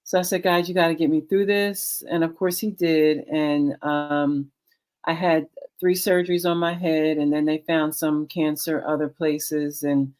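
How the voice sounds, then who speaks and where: Low-voiced woman in her sixties, halting. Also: little pitch movement, a little mellow. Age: 60s. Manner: unhurried, halting with many ums. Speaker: guest, author and cancer survivor. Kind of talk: casual chat, personal testimony. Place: video call.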